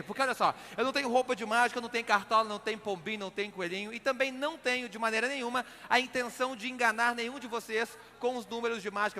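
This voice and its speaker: On stage in a reverberant hall, a magician, comedian and motivational speaker from Belo Horizonte, Brazil, delivers comic talk with a Minas Gerais accent. His extremely high voice is pushed and bright, with slight background noise, and as a conversational showman he repeats words for emphasis.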